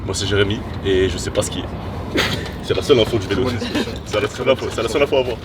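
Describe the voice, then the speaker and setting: A young man among the guests, teasing in a deadpan way. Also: on the low side, very fast, recorded from a distance, very noisy.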